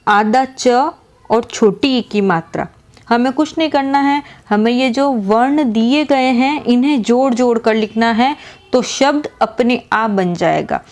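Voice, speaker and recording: A woman teacher explaining a lesson slowly, asking questions and repeating each answer. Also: a little high. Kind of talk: slow classroom explanation.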